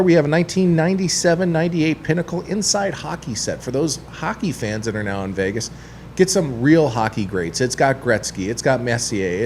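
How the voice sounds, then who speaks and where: A man's voice: mid-range voice, slight background noise. A man who runs a sports collectibles store, talking on a radio show in a studio, chatty and rambling with lots of fillers. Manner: chatty, rambling, heavy on fillers like "you know" and "uh". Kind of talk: casual radio chat.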